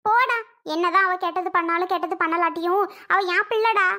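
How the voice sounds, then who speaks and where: A woman voicing a weepy, wailing old mother. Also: brisk. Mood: tearful, aggrieved. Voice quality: wailing, complaining, high and bright. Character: grieving elderly mother, tearful and aggrieved. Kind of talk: animated cartoon voice acting.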